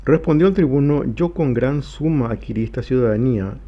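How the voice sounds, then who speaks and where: A man's voice: medium pitch, expressive. Man teaching Bible study, lo-fi sound. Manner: reads scripture aloud slowly, then explains. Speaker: pastor.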